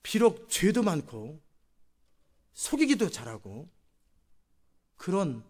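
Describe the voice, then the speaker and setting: A male pastor preaching a sermon, retelling a story in an animated way with chatty asides to the congregation. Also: high voice, takes it slowly. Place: church sanctuary.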